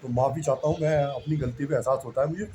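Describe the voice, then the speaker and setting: A man's voice: medium pitch, fairly even intonation, quick pace, warm tone, slight background noise, poor audio. A man talking in a casual, rambling monologue, humbly repeating himself and often addressing the listener as brother. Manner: rambling, repeats himself, keeps saying "bhai sahab"; humble, self-deprecating. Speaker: religious speaker.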